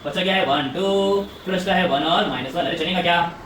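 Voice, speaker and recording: A man teaching maths in a classroom, talking briskly, repeating himself and coaxing students along, heard from a distant mic. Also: high-pitched, fairly bright tone. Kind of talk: classroom lecture. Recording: echoey room, voice from afar, faint hum.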